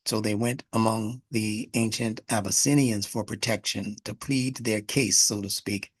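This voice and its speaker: A man's voice: lowish voice, fairly even intonation, a little slow, breathy edge, no echo. A male instructor giving an emphatic spiritual lecture, breaking words apart to explain their origins.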